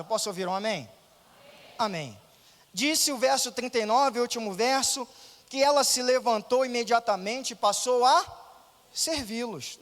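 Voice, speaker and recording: A man's voice: extremely high pitch, a bit bright. A man preaching a sermon as pastor, emphatic and full of rhetorical questions to the congregation. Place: church hall. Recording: long church reverb.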